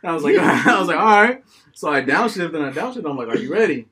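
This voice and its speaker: A man's voice: fairly high pitch, quick pace, a crowd in the background. A man telling a story to friends in a casual podcast chat, acting out voices and laughing often. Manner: animated storyteller, acts out voices, laughs a lot. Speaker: podcast co-host.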